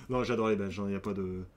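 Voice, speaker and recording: A man's voice: fairly low pitch, a little hiss or hum. A man streaming a strategy game, chatting casually and joking with his viewers. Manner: chatty, joking asides to chat. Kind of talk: casual live-stream commentary.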